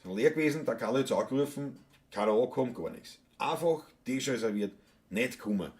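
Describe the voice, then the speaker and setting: Gruff joking Viennese man, lively pitch. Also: fairly quick. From Austria. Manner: gruff, joking, cursing asides. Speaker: solo livestream musician. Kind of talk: casual live-stream chat with Wienerlied singing. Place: home, indoors.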